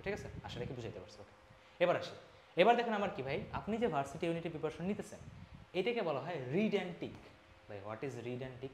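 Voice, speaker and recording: A young man teaching an admissions class talks fast and emphatically, urging students along in an energetic pep talk. His voice sits fairly high. The room is echoey, with a faint ambient hum behind him. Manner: fast, emphatic, switches between formal and informal address.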